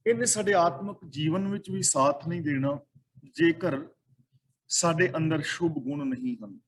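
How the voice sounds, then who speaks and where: A man giving a sermon, chanting scripture lines slowly and then explaining them plainly. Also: a little high, breathy edge, poor audio. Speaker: Sikh scripture teacher.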